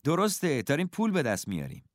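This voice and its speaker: A man's voice: fairly high pitch, dry recording, studio quality, voice pushed up. A man voicing an eager young boy, the narrator's friend, in a storybook reading. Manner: eager, excited.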